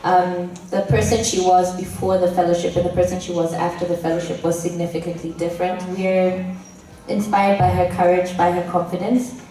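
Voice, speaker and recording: Low, even-toned woman reflecting calmly. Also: slight background noise. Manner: thoughtful, measured, with fillers. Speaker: program fellow. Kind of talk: reflective interview answer.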